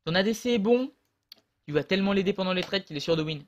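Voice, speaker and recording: A man's voice: sits high, animated, fast, highs cut off, slight background noise. A man casually commentating his own online match, rambling and hesitant with many fillers and restarts, on a close desk mic.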